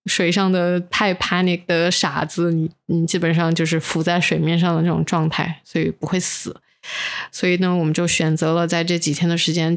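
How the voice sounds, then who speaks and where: A woman's voice: fairly low pitch, gravelly. A woman co-hosting a podcast while under the weather, telling personal stories casually and mixing English words into her Mandarin. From inland China. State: unwell, recording while sick. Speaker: podcast co-host. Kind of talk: casual chat, personal storytelling.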